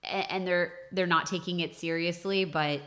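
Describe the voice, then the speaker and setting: A woman with a low voice hosts a casual interview. She thinks aloud in long winding questions, slipping into quick little imitations of what kids and parents might say. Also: fairly even intonation, fairly bright tone. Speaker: interview host.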